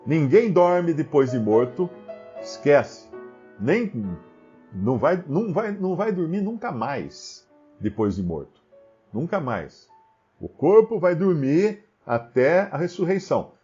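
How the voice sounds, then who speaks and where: Male Bible commentator, lively swooping delivery, mellow tone, dull lo-fi recording. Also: on the high side, takes it slowly, faint music behind. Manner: animated, many rhetorical questions.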